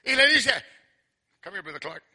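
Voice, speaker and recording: A man preaching a fervent sermon, swinging from hushed storytelling to shouted exhortation and mixing in English asides. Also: high voice, very animated, a little slow, breathy edge. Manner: mixes Spanish with English asides. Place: church service.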